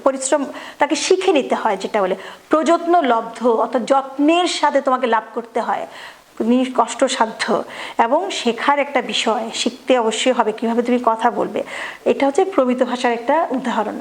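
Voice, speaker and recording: A woman teacher giving a classroom grammar lesson, explaining step by step, often rephrasing and pausing with fillers. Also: on the high side. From Bangladesh.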